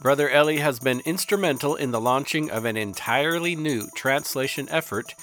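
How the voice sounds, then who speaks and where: A man hosts a podcast and interviews a guest. His questions are friendly and measured, in an ordinary mid-range voice. Faint music plays underneath. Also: medium pitch, fairly bright tone.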